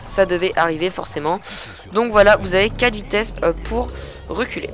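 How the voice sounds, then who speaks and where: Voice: mid-range voice, moderate pace, a bit bright, soft background music. A gamer giving casual, chatty commentary over a truck-driving game, often hesitating and grumbling at other drivers, into a headset mic. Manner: chatty, hesitant, lots of filler sounds. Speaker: truck-simulator gameplay commentator.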